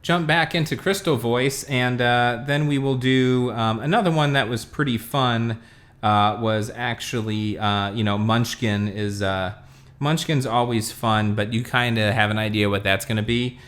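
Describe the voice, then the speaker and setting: A man hosting a casual tech product review, talking through a demo in a relaxed way with many fillers. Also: medium pitch, measured pace. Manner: relaxed, lots of fillers, talks while demonstrating.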